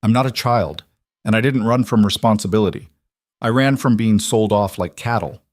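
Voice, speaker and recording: A man's voice: on the low side, moderate pace, no echo, studio quality, natural voice. A man voicing a determined, educated young woman who speaks steadily and formally. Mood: steady. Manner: steady and formal, holding herself together. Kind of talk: audiobook character voice.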